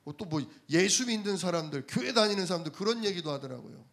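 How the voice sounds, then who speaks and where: A man's voice: sits high, expressive, quick pace, a bit bright. A man preaching a sermon, telling everyday stories and asking the congregation rhetorical questions. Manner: conversational storytelling from daily life.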